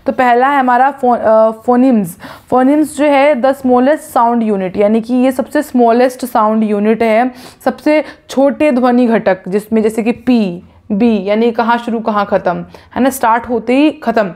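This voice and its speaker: Slow, hesitant woman explaining. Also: a little high, a little mellow. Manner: explains in Hindi and reads English examples slowly; frequent hesitations and self-corrections. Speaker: teacher. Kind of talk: explanatory lecture.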